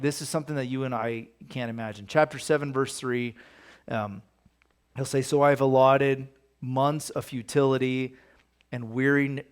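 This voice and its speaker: A man leading a casual Bible study, talking conversationally and reading scripture aloud with emphasis. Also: medium pitch. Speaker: pastor.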